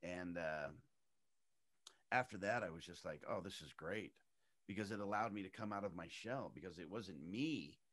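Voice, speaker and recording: This middle-aged man, raised in Arizona in the United States, has a very low, deep voice with a fairly bright tone. As an interview guest he tells stories with animation at a moderate pace, jumping up in pitch whenever he imitates what others said.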